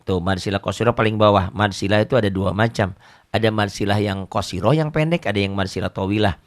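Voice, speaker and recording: A middle-aged man, teaching Quran reading in a casual, joking way, often repeating words and reciting verses slowly. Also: lowish voice.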